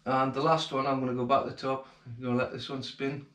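A man in his forties talks straight to the camera in his home, chatty, plain-spoken and thankful. His voice sits at an ordinary pitch. The room around him rings noticeably, picked up by a camera mic a few feet away. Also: level tone, fast talker, fairly bright tone. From England. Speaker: fishing channel host. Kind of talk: casual vlog talk to camera. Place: home kitchen, then living room, indoors. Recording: roomy home acoustics.

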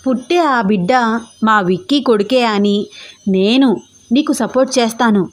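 A woman voicing a spiteful older mother-in-law who speaks slowly and slyly with veiled threats. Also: fairly high pitch, natural voice. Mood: sly, threatening. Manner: slow, sly, threatening.

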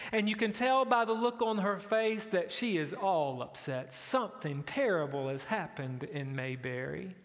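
A man preaching a sermon, telling a story and building to emphatic questions. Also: high-pitched. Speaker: pastor. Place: church sanctuary. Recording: echoey church sanctuary.

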